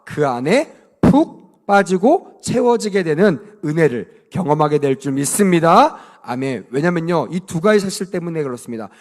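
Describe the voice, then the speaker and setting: Male pastor preaching to children in church, high-pitched and very animated, lots of questions. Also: normal speed. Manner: animated call-and-response, leads kids in reading aloud; asks the children frequent questions. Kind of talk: children's sermon at vacation Bible school.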